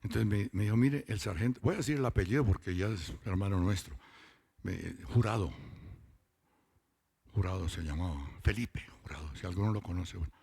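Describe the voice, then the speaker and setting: Gravelly low-voiced man preaching. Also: warm tone. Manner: storytelling, drawn-out emphatic words. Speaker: lay preacher giving testimony. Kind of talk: testimony sermon. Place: church meeting.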